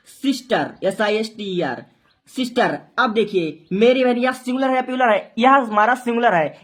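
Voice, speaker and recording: A woman's voice: a little high, fairly bright tone. A woman teaching a translation lesson, explaining each step, asking and answering her own questions, and spelling out words letter by letter. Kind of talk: Hindi-to-English translation lesson.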